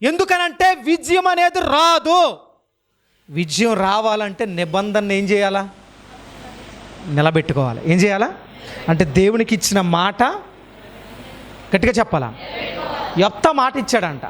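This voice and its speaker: A man's voice: high voice, expressive, moderate pace, long pauses, a little hiss or hum. A male preacher giving a sermon to a congregation in a church, firing repeated rhetorical questions and urging the listeners to answer aloud. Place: church hall.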